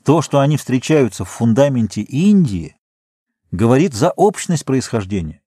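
A man reading aloud, voicing a calm, learned middle-aged geologist who explains things in a measured way. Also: mid-range voice, husky, dry recording, studio quality, voice pushed up.

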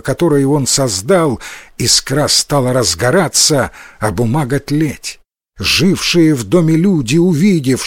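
A man narrating a folk tale as an expressive storyteller, voicing the characters himself. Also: a little high, no echo, studio quality. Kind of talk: storybook reading.

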